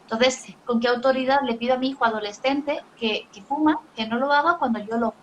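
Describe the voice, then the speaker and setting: A middle-aged woman talks over a video call, explaining parenting ideas in a steady teaching manner. Her voice sits a little high, and she works through points with examples. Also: fairly quick, highs cut off, slight background noise. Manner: didactic, uses examples and acted quotes. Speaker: parenting author and educator. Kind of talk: explanatory talk in a live video chat.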